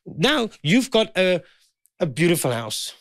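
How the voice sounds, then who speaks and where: A man's voice: high voice, sing-song, a little slow, no room sound, studio quality. Emphatic South African man in his fifties. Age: 50s. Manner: emphatic, repeats his points. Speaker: guest. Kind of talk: heated conversation.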